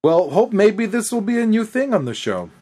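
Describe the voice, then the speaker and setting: A woman's voice: mid-range voice, normal speed, no room sound. A woman co-hosting a casual chat podcast, joking and acting out quotes. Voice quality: lively, jokey, quotes scenes in goofy voices. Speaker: podcast co-host.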